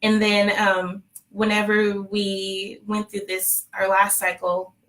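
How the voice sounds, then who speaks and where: A Texan woman tells her story in a relaxed live chat, her voice sitting at an ordinary middle pitch. She talks in a chatty, storytelling way and laughs easily, keeping the tone light. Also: slow pace, poor audio. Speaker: fertility clinic staffer sharing her story. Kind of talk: casual chat on a live stream.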